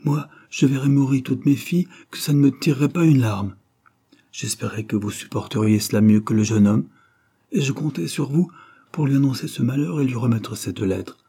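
A hard, unfeeling sea captain, put on by a male narrator, blunt and matter-of-fact in a storybook reading. The voice rides noticeably higher and louder than the narration, with a husky grain. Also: moderate pace.

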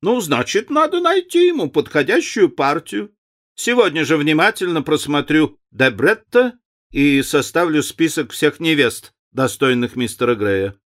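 A man's voice: fairly high pitch, sing-song, unhurried, fairly bright tone, pitched above the performer's own voice. A man voicing a chatty old society lady who loves matchmaking, gushing and emphatic.

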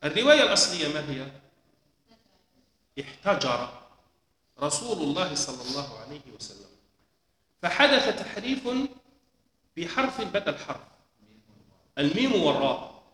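A man teaching a lesson, explaining slowly and deliberately, repeating key points. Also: fairly high pitch, very animated, sharp tone. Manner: slow, deliberate explaining with repetitions. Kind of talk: lecture on hadith transmission. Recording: echoey hall with long reverb.

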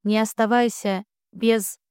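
A woman reading the part of a badly wounded young man in a romance audiobook, his words weak and hoarse. He stays defiant and tender through the pain. The voice is smooth and closely recorded. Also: medium pitch, fairly even intonation, takes it slowly, a little mellow, no echo, clean studio sound, lightly acted.

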